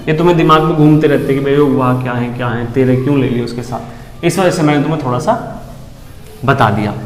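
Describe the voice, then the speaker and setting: Man teaching grammar in an echoey room. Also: a little high. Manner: repeats questions and answers them himself, checks understanding often. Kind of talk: exam-prep Hindi grammar lesson. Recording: echoey room with long reverb and faint background noise.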